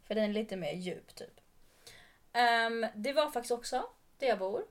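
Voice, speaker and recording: A woman's voice: on the high side, animated. A young woman co-hosting a podcast, telling a story in casual chat with dialogue acted out. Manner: chatty, acts out dialogue while retelling. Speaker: podcast co-host.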